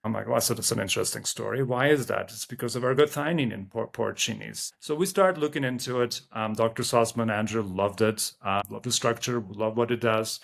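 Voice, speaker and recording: A man's voice: fairly low pitch, brisk, vocal fry, few pauses, a bit bright. A man from Turkey, a company co-founder, talking loosely as an interview guest with many fillers and restarts. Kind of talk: casual interview talk.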